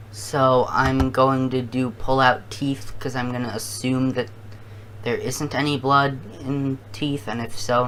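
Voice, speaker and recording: Casual video host, unhurried and halting, thinks aloud, mid pitch, slight background noise. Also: pushed and bright. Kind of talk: casual commentary to viewers.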